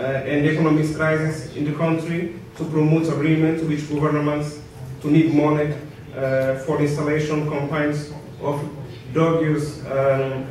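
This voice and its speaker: A man's voice: fairly high pitch, a little mellow. A man giving a formal conference presentation, hesitant and searching for his words. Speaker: conference speaker. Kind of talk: halting formal presentation in English. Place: indoor conference room. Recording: very echoey hall, distant mic, faint noise.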